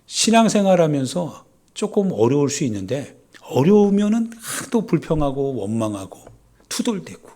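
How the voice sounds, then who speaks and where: A middle-aged man, a pastor, preaching a sermon with animated storytelling and acted-out complaints. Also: a little high, normal speed.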